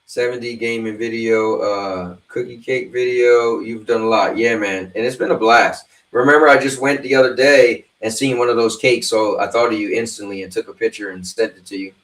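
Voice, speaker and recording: Recorded from a distance with a roomy sound, a fifty-year-old man hosts a livestream and rambles casually to his audience. He speaks on the low side in a steady, fairly bright tone, at a moderate pace with few pauses.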